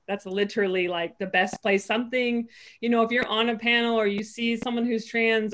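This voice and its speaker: A young adult woman speaking as a panelist on a video call from home. She talks in an earnest, reflective way, leaning on "like" and acting out her own inner thoughts in quick voices. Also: mid-range voice, fairly bright tone. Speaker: panelist, pro basketball player. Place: home room. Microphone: video call, laptop webcam.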